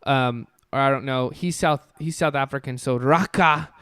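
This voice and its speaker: A man's voice: medium pitch, normal speed, a bit bright, clear, resonant tone, no room sound. A young man co-hosting a podcast, chatting casually and rambling with enthusiasm through lots of fillers. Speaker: podcast co-host. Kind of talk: casual chat.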